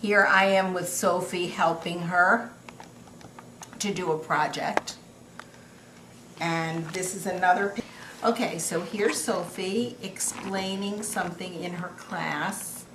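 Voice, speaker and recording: A woman's voice: fairly low pitch, steady tone, takes it slowly. An older grandmother reminiscing casually over family photos in a sweet, affectionate old-lady manner. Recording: echoey room with clear background noise.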